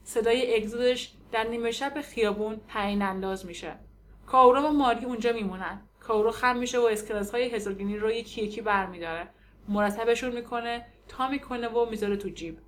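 A woman reads an audiobook in a measured, descriptive, even-toned way. Her voice sits a little above the usual. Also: a little high. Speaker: audiobook narrator. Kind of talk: scripted narration.

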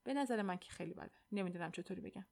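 Woman reader doing a gaunt, weary young man; low hushed voice, storybook dialogue. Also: creaky. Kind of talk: audiobook dialogue reading.

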